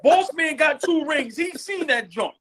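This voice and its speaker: Loud high-voiced man trash-talking. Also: expressive, measured pace. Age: 40s. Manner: loud, teasing, repeats himself. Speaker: livestream podcast host. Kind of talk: casual sports trash talk.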